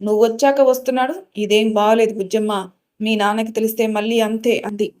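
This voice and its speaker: Scolding strict village mom, woman reading her part, mellow higher voice. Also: level tone, a little fast, lightly acted. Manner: scolding, shouting. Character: angry strict village mother, middle-aged woman.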